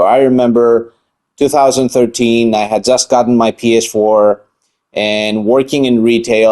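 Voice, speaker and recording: Man, 30s, casual vlog host, slow talker, hesitant and rambling. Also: medium pitch, darkish tone. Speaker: channel host.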